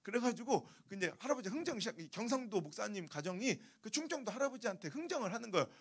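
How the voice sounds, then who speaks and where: Revival preacher, male, high voice, animated storyteller with broad swings of pitch. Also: fast, breathy edge. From Chungcheong, Korea. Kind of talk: revival sermon. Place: church sanctuary.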